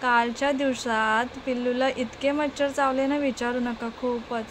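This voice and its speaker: A woman's voice: sits high, fairly even intonation, normal speed. A young mother, chatting casually at home in a vlog and slipping into doting baby talk. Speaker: mother and vlogger. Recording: noisy home phone recording.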